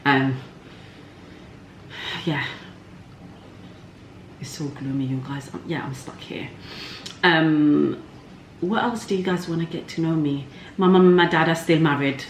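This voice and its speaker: This Somali woman chats with viewers like a vlog host, candid, cheeky and full of slang. Her voice sits low and she keeps a measured pace with frequent pauses, recorded in an echoey room with faint background noise.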